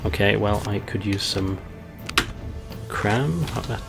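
A man's voice: fairly low pitch, slow pace, gravelly, music in the background. A man giving casual, wry game commentary, understated, as if muttering to himself. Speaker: let's-play commentator.

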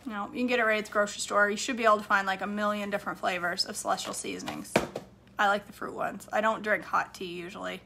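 Chatting from her home kitchen on a livestream, a Maine woman in her forties responds to viewer comments, rambling and laughing readily as a home cook and host. Her mid-range voice has fairly even intonation and some vocal fry. The background is noisy, and the sound comes from a phone camera held at arm's length.

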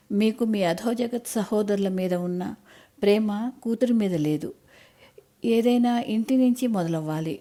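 In an audiobook story, a woman voices an angry young daughter of college age who speaks in a sharp, accusing, scornful manner. Her voice is mid-range and natural.

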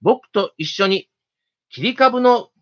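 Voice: mid-range voice, expressive, slow. A storyteller voicing an earnest young male toad who speaks in a plain, polite, curious way, in a storybook reading. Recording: dull lo-fi recording.

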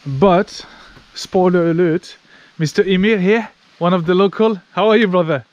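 Walking forest paths outdoors, a male travel vlogger chats freely in casual, informal commentary, occasionally swearing. His voice is high-pitched and moderately paced, in a dry, lo-fi recording with outdoor ambience noise.

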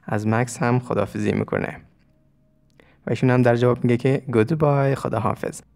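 A man whose first language is Persian, teaching an English lesson, saying English lines slowly and explaining them. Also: medium pitch, fairly even intonation, vocal fry, a little mellow.

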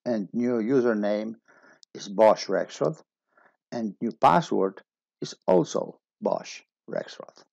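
A man with a low, gravelly and slightly husky voice walks through a technical setup step by step. The recording is dry and a little dull, like a plain voice-over. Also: takes it slowly, no echo. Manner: steady step-by-step explaining. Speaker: instructor.

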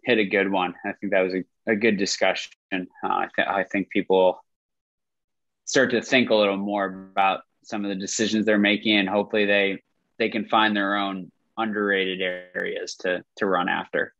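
A man's voice: sits low, flat delivery, normal speed, creaky, a bit bright, dry recording. A man with a nasal voice co-hosting a casual podcast over a video call, friendly and self-deprecating. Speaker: podcast co-host. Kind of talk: casual chat. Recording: dull dry lo-fi call audio.

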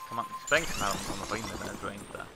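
Low gravelly guy chatting through his game, gets excited, game music playing underneath. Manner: chatty, excitable, talks to himself while playing. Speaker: let's play host. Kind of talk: casual gameplay commentary. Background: video game music.

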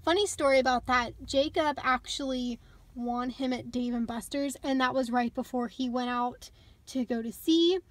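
A young woman records a relaxed tour of her parked car on a handheld phone, talking in a chatty, upbeat vlogger style with little laughs. Her voice is high, her speed normal, and the recording dry.

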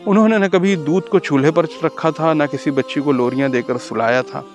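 A man reading a story aloud, raising his pitch and slowing down for the quoted lines. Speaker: narrator. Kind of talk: storytelling narration. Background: background music.

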